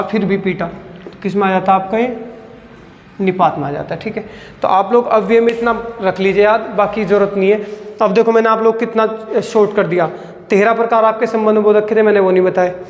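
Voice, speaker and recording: A male teacher giving a grammar lesson for exam students, asking questions and answering them himself, and repeating key phrases slowly for emphasis. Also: high voice. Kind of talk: Hindi grammar lecture. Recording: echoey room with long reverb.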